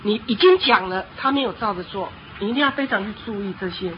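A woman preacher giving a sermon, telling stories in an animated way and often pausing on a filler word. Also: medium pitch. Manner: animated storytelling with frequent filler "hao". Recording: dull lo-fi with faint noise.

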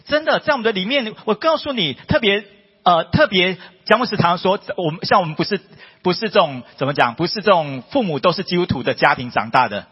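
A fairly high-voiced man preaching in a church hall, his pitch leaping up and down as he drives home his points. His voice is a little husky, and long reverb trails each phrase on a dull, lo-fi recording. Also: fast. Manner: emphatic, rhetorical questions, rising to high excited peaks. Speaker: preacher giving testimony. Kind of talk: sermon testimony.

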